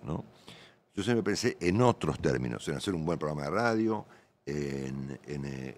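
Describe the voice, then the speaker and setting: With a low, darkish voice, this veteran Argentine radio journalist in middle age rambles through an interview in colloquial Argentine Spanish. Tag questions come up constantly in his long, casual answers.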